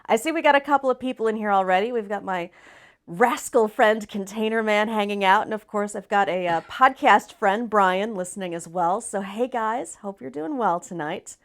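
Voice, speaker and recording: A woman with a raspy voice, hoarse from laryngitis, chatting casually and emphatically as a folksy livestream host. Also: mid-range voice, moderate pace. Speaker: live stream host.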